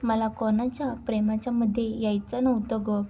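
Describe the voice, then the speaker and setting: A woman voicing a gentle, sorrowful young newlywed woman in a read-aloud story. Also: fairly high pitch, flat delivery, normal speed, muffled recording. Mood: sad. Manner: quiet and sorrowful.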